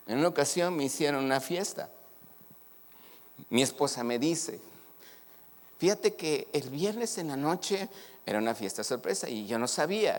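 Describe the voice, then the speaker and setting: A middle-aged man with a northern Mexican accent, preaching a sermon and telling personal stories, acting out the dialogue. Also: a little high. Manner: animated, acts out dialogue in his stories. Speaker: pastor. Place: church hall. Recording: long reverb of a church hall.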